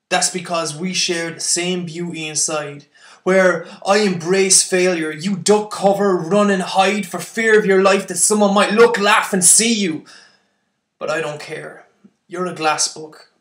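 A man's voice: high-pitched, fairly bright tone, echoey room. A young man performing spoken word poetry, intense and building to impassioned outbursts.

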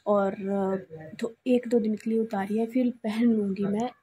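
Young woman from punjab vlogging, feeling sick and tired, kinda quiet soft voice. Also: a little high, steady tone, measured pace, a little hiss or hum. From Punjab, India. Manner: soft, subdued talk, she speaks quietly. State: unwell, in pain, short of sleep. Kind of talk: casual vlog chat.

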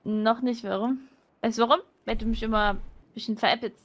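A woman's voice: fairly high pitch, fairly even intonation, fairly quick. A woman playing a suspicious young homeless woman who complains and refuses to trust, in a game roleplay. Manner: distrustful, pouty complaining.

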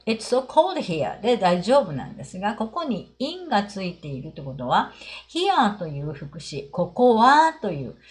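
A woman's voice: medium pitch, slight background noise. An older Japanese woman teaching travel English phrases in Japanese, explaining patiently with many fillers and reading the English lines with a Japanese accent.

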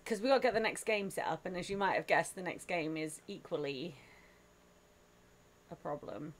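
A woman's voice: lowish voice, normal speed, slight background noise. A woman streamer chatting casually and teasing her co-hosts, often laughing. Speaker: streamer host.

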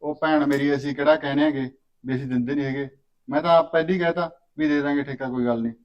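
A placating farmer brother, played by a man smooths things over in an easygoing mid-pitched voice with a Punjabi accent. The recording sounds dull and lo-fi. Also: steady tone, quick pace, natural voice. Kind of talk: village drama acting.

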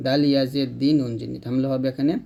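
A man from Bangladesh, teaching Quran recitation by spelling out letters and vowel marks, then reciting slowly in a chanting tone. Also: medium pitch, little pitch movement, creaky, warm tone, muffled recording. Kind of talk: tajweed recitation lesson.

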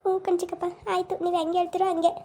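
A woman as a gentle young village woman. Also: extremely high pitch, little pitch movement, racing. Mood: soothing. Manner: soft, soothing, pleading. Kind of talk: village family skit.

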